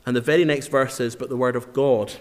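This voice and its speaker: An earnest man preaching a sermon at a medium pitch. He presses his points hard and slows down to repeat key phrases. His voice rings with a long hall reverb. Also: fairly even intonation. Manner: earnest, emphatic, with slow dramatic repetitions.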